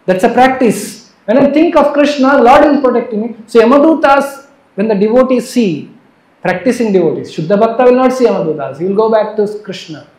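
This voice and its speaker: A man giving an earnest devotional sermon, moving between soft and emphatic delivery. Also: extremely high pitch, lively intonation, a little fast. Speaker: preacher. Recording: roomy echo.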